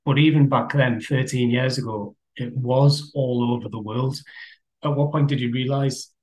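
A man hosting a podcast, interviewing guests and narrating the story in a clear, measured way. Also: medium pitch, fairly even intonation, a little mellow, no room sound. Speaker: podcast host and reporter.

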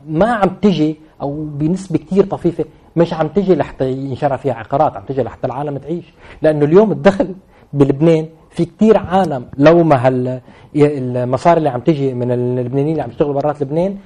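Very fast-talking man, Lebanese Levantine Arabic accent. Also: a little high, mellow. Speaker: interview guest commenting on real estate. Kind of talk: unscripted interview explanation.

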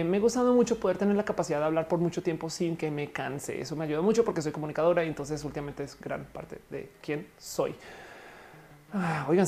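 A woman's voice: on the low side, warm tone. A young Colombian-born woman with a Mexican Spanish accent, chatting casually on a live stream and reading viewer comments aloud.

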